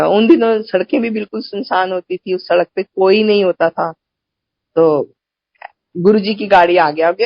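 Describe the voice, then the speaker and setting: A woman's voice: fairly low pitch, no echo. Woman telling a story over a dull video call. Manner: conversational, mixes English phrases. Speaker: devotee sharing testimony. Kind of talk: storytelling to a congregation.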